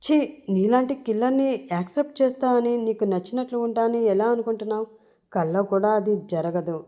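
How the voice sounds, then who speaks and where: A woman's voice: a little high, brisk, warm tone, pitched above the performer's own voice, close to an everyday voice. A woman voicing a young woman held captive, indignant and pleading, grumbling under her breath. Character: young captive woman, defiant yet frightened.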